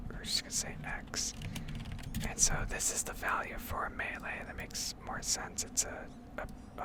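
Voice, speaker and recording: A woman hosting an ASMR gaming video keeps to a breathy, unvoiced whisper from start to finish, working through her explanations in a rambling, analytical way.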